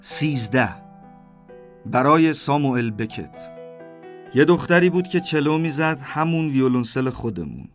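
A man in his thirties tells a dreamlike first-person story in a steady, mid-range voice. His delivery stays plain through the narration, then grows more animated whenever he voices the back-and-forth of the characters. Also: mid-range voice, soft background music. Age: 30s.

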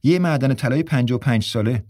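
A man's voice: mid-range voice, darkish tone, no echo, close to an everyday voice. Cocky joking editor guy, played by a man, breezy, close dry sound. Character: cocky, wisecracking male magazine editor. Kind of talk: radio drama acting.

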